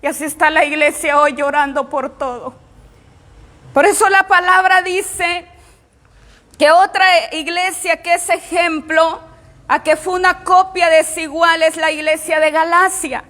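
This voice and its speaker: A woman's voice: very high-pitched, steady tone, a little slow, fairly bright tone. A woman pastor preaching a sermon to her congregation, emphatic and repeating her phrases. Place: church. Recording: long hall reverb.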